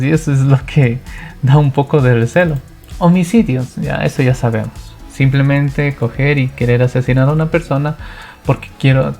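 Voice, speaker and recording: A man giving a casual Bible study talk, animated, asking rhetorical questions and acting out what people say. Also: mid-range voice. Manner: animated, asks rhetorical questions and acts out quoted speech. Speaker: Bible teacher.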